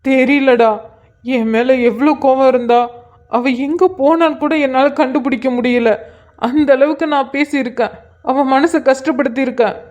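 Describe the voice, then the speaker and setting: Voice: high voice, fairly even intonation, moderate pace, a little mellow, lo-fi sound, lightly acted. A performer voicing a remorseful young husband in a cartoon, pleading and blaming himself. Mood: anguished. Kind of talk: cartoon voice acting.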